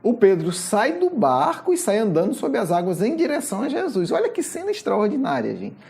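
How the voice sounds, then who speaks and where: A Brazilian Portuguese-accented spiritist lecturer tells a Gospel story with an animated storyteller's delivery. The pitch swings high and low through each phrase over a mellow, dark tone. Frequent questioning asides break up the telling. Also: brisk, vocal fry.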